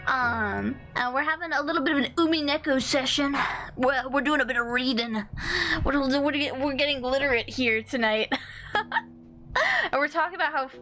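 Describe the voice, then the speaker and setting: A woman's voice: high-pitched, normal speed, pushed and bright. A woman livestream host chatting casually in a cute, bubbly, effusive anime-streamer manner.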